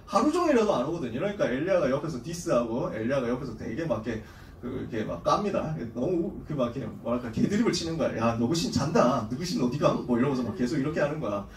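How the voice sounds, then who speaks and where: Fast, animated man preaching to youth. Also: medium pitch, a little hiss or hum. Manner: casual and slangy, acting out story scenes. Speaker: youth pastor. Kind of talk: lively youth sermon. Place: church hall. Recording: echoey hall, distant mic, faint ambience.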